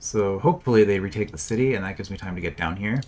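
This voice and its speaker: A man's voice: low-pitched, fast talker, dark tone. A man casually commenting on a strategy game as he plays, thinking aloud with dry sarcasm. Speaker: gameplay commentator. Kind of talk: casual let's-play commentary.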